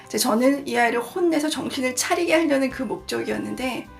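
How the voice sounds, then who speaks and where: A woman's voice: high-pitched, fast, gravelly. A woman in her forties hosting a book channel, talking candidly and confessionally about a book and her own parenting. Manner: candid, confessional, acts out quoted dialogue. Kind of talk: casual reflective book talk. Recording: soft background music.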